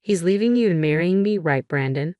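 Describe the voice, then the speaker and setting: A woman's voice: fairly low pitch, expressive, brisk, darkish tone, dry recording, close to an everyday voice. A woman voicing a smug, scheming younger sister who gloats and taunts. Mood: gloating.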